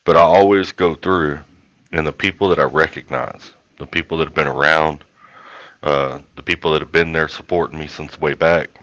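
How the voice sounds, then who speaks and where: A man's voice: rumbling low, fairly even intonation, moderate pace, fairly bright tone, no room sound, lo-fi sound. A man with a South Texas accent chatting casually on a livestream in a folksy, rambling way. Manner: folksy, rambling, colloquial drawl. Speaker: YouTube host.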